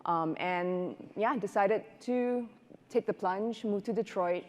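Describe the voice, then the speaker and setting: A middle-aged Singaporean restaurateur and business owner answers as a panelist on a large indoor conference stage, speaking through a lapel mic. Her mid-range voice is conversational, halting as she thinks aloud, and the auditorium adds echo with a long reverb.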